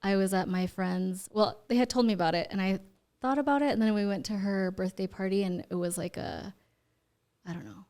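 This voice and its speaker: A young woman from Ecuador, raised in the US, sits as a guest on a studio podcast. She answers briefly and a little shyly, giggling between short replies, in a mid-pitched everyday voice. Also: a little fast, darkish tone. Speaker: guest, new real estate agent. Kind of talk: casual interview chat.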